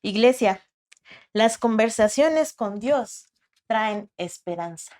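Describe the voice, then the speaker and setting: A woman preaching a sermon with a Mexican Spanish accent, slow and dramatic, acting out the voices she quotes. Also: on the high side, expressive, a little mellow.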